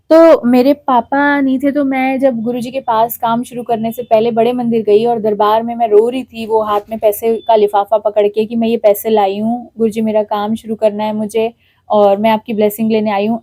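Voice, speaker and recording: High-pitched woman, middle-aged, emotional devotional testimony, dry recording. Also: dark tone, dry recording. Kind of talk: emotional spoken testimony to a congregation.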